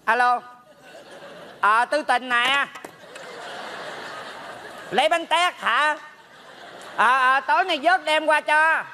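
A nagging old mother's ghost scolds her son in a Southern Vietnamese accent, as a man puts on her voice. Her voice sits high and sounds bright. Her delivery is slow and drawn out, like a stage comedy sketch. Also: a little hiss or hum, heavily acted. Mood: fussing.

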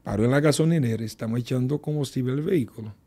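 A pastor speaks as a guest on a radio program, telling a testimony in a gravelly, husky voice. His tone is dark and mellow, and he takes his time, with plenty of fillers and repeated words. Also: medium pitch. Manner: unhurried storytelling with many fillers and repetitions.

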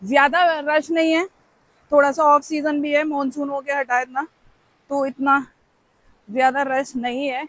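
Walking a forest trail, a young woman vlogs casually into her handheld phone, chatty and playful, exclaiming as she goes. She's a travel vlogger with a high-pitched, fairly bright voice, yet her delivery is flat and unhurried with frequent pauses; there's no room sound.

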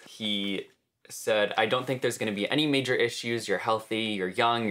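Young adult male vlogger, slightly low voice, casual and chatty storytelling. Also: pushed and bright. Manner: chatty, recounts others' words in quotes. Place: small bedroom, indoors.

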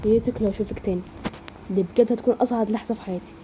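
A woman with an Egyptian Arabic accent voicing a calm, protective young man in a lowered, steady voice. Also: rapid-fire, background noise, lightly acted. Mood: smitten.

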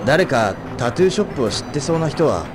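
A man's voice: a little high, big pitch swings, fast talker, noisy background. An actor playing a serious, stoic young man in a video game, speaking in a terse, earnest and polite way. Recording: music behind the voice.

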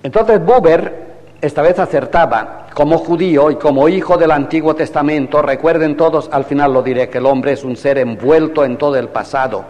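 An older man lectures a class as a priest, firing rhetorical questions at his listeners and voicing both sides of imagined exchanges. His voice sits a little high for a man. The sound rings with the long reverb of a large hall. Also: moderate pace, darkish tone, dull audio. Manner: rhetorical, questions the audience, acts out quoted exchanges. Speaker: priest lecturing a theology course.

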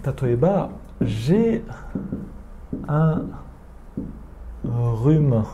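A man gives an online French lesson, going through useful phrases one at a time. He speaks at an unhurried, measured pace and says each French word twice so learners can catch it. His voice is deep, dark and mellow. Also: slight background noise. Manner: slow and deliberate, repeating French words carefully for learners. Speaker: French teacher.

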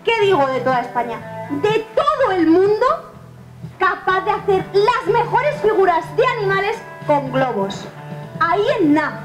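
Young woman magician, very high voice, playful and coaxing, echoey hall with music behind. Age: young adult. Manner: playful, repeats words, coaxes the crowd. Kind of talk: lively stage patter with an audience. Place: care home common room, indoors.

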